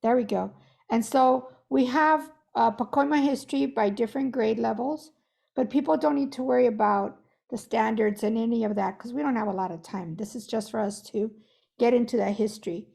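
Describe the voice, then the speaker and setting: A woman's voice: fairly high pitch, brisk, gravelly, a little mellow. A woman who is losing her voice, guiding an online workshop in a chatty, self-correcting way over a video call. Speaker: workshop facilitator.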